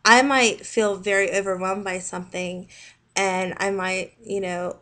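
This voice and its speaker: A woman with a Southern American accent talks at an unhurried, drawn-out pace. Her voice sits a little low, and she stops often, restarting her sentences as she chats in a casual video response. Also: fairly bright tone. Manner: halting, many pauses and restarts. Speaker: video blogger.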